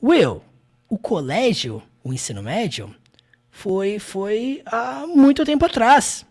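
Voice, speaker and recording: Brief: Brazilian English teacher, swoops up and down, drawn-out model phrases. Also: mid-range voice. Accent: Brazilian Portuguese. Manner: animated, repeats phrases slowly, many tag questions. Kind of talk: language lesson explaining film clips.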